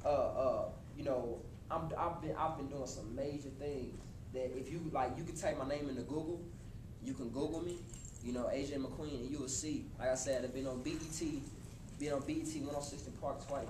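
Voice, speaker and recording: A man's voice: medium pitch, brisk. 20s guy hyping up a college crowd, loose casual talk, echoey hall, noisy room. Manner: animated, street-casual, talks straight to the crowd. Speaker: motivational speaker. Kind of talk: motivational talk to a live audience. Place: college hall before an audience.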